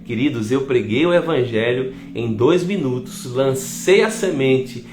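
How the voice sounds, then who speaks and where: A man's voice: mid-range voice, unhurried, slight background noise. A middle-aged man, a pastor with a Brazilian Portuguese accent, telling his testimony as a sermon, often turning to the congregation. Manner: lively storytelling, often addresses the congregation. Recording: echoey hall with faint music.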